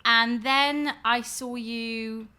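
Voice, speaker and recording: A young woman with a Gloucestershire accent and a faint Welsh lilt, chatting on a podcast as a guest. She talks in a bright, fairly high voice. She gets excited, laughs often and trips over her words. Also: extremely slow, clear, resonant tone. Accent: Gloucestershire with a slight Welsh lilt. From England, Forest of Dean in Gloucestershire. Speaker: guest, actor. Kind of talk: casual podcast chat.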